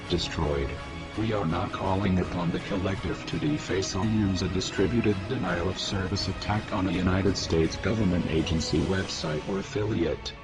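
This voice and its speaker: Deliver it as a masked man speaking through a voice-lowering disguise. Keep it slow and solemn, each line a measured declaration, over a music bed. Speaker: anonymous spokesman. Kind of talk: scripted manifesto statement.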